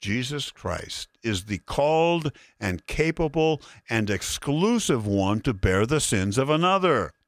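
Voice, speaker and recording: A man preaching a sermon, expounding Bible verses in a deliberate, emphatic way to listeners. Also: mid-range voice, very animated, dry recording, clean studio sound. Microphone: broadcast sermon addressing listeners.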